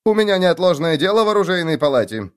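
A man's voice: on the high side, very animated, quick pace, voice pushed up. A man playing a nasal, haughty young nobleman. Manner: nasal, arrogant, commanding. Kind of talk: audiobook character voice.

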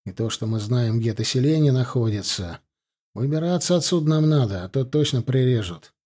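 A man's voice: medium pitch, lively intonation, fairly quick, warm tone, lightly acted. A man voicing a resourceful male soldier who speaks in a plain, grumbling way, close to his own voice. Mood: grim.

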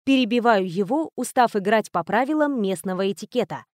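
A woman narrating a first-person audiobook in a measured, wry storytelling manner. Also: mid-range voice, expressive, a little mellow, no room sound, clean studio sound.

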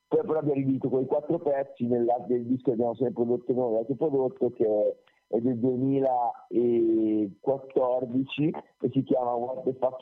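A man heard over a phone call, his voice squeezed thin and tinny by the line. He answers interview questions as a band's singer, at a middle pitch, rambling loosely and often correcting himself mid-thought. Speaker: singer of a band, interview guest.

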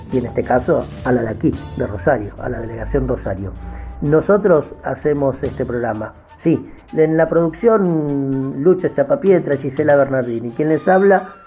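A man's voice: mid-range voice, dark tone, poor audio. An Argentine man hosting a radio show, addressing the audience like a ringmaster as he signs off.

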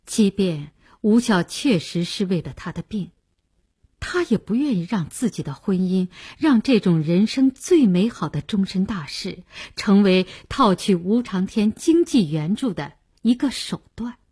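Husky woman reading a novel. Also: medium pitch, expressive, unhurried, warm tone. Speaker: audiobook narrator. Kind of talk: scripted novel narration.

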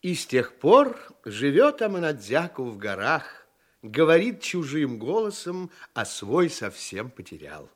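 A man narrating a fairy tale in a studio audio play, measured and lilting. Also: fairly high pitch, wildly swooping pitch.

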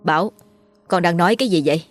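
A woman voicing an eerie grieving widow who speaks in a quiet murmur. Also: on the low side, quick pace, soft background music, close to an everyday voice. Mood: cold.

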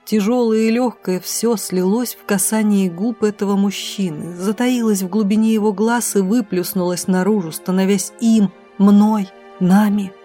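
Mellow woman reading an audiobook. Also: medium pitch. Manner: expressive, dramatic reading. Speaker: audiobook narrator. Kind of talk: first-person audiobook narration.

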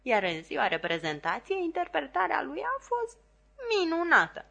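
A fussy, bossy male theatre dresser, voiced by a woman reader, pitched up and lecturing in a storybook reading. He scolds and instructs as if no one could tell him otherwise. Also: wildly swooping pitch, gravelly, pushed and bright, exaggerated voice.

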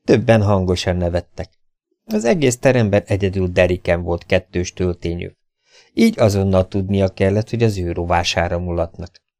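Man, audiobook narration, low voice, dry close mic, steady. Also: dry recording. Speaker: audiobook reader.

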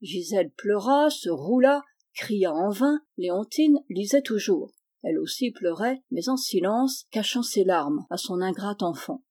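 A woman narrating a classic children's novel in a steady, even storytelling manner. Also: mid-range voice, a little slow, few pauses.

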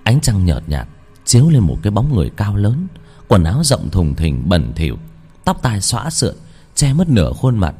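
A man narrating a ghost story in a low, hushed, dramatic way. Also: huge pitch swings, normal speed. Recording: faint music behind.

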